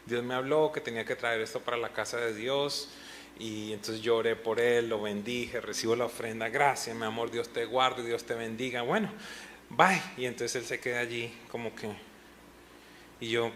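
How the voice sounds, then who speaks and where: A middle-aged pastor shares his testimony during a pastors' panel talk, telling a personal story with feeling and at times retelling moments of tears. His voice is mid-range and fairly bright, with fairly even intonation at a moderate pace, plus a little hiss or hum.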